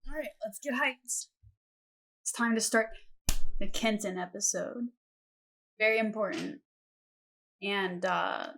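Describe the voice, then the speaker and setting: A woman's voice: medium pitch, vocal fry, fairly bright tone. A young woman hosting a gameplay video, chatting casually and rambling a little, with self-deprecating asides. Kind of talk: casual game commentary and reading aloud.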